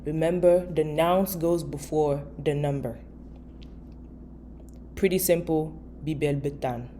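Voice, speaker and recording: A woman with a low, mellow voice teaches in a casual video lesson. She speaks slowly and patiently, repeating each word and spelling out the rules. A faint hiss sits under the recording. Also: fairly even intonation. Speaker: language teacher.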